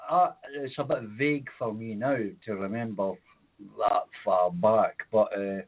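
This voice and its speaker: In tinny, phone-like audio, a Scottish co-host of a comedy radio show speaks in a lowish voice, a little slowly. He delivers long, rambling childhood stories on the podcast, full of fillers and his own laughter.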